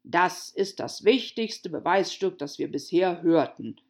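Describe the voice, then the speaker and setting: A pompous, fretful storybook king, played by a woman, who lays down his rulings slowly and loudly. His speech is weighty and self-important. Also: lowish voice, expressive. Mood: pronouncing.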